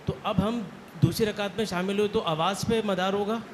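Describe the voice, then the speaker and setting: A man in the audience asking a question haltingly, searching for his words. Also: high voice, fairly even intonation, slight background noise.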